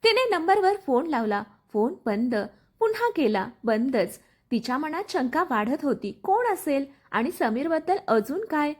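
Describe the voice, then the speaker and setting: A woman's voice: high voice, sing-song, measured pace. A woman narrating a dramatic story and reading the characters' lines with feeling.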